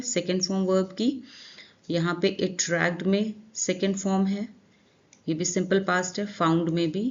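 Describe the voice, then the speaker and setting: A woman's voice: lowish voice, muffled recording. Woman teaching English vocabulary. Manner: reads English phrases slowly, then explains in Hindi; often adds "theek hai" to check understanding. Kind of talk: newspaper vocabulary lesson.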